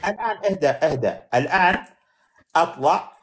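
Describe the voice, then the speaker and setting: A man with a slightly high voice talks fast and provocatively in a heated live-stream debate. He cuts in often and keeps urging the other speaker to calm down. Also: husky.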